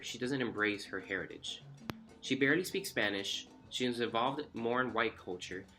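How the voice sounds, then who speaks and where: A young man from Miami narrates a personal essay in an earnest, reflective read. His voice sits a little low but comes across bright and forceful. Faint music plays beneath him. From Miami, Florida. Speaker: student storyteller.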